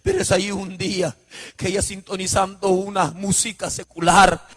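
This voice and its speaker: A man's voice: high voice, little pitch movement, moderate pace, fairly bright tone, big-room sound. A man from Huánuco, preaching his personal testimony in an emotional, storytelling way. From Huánuco, Peru. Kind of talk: sermon testimony.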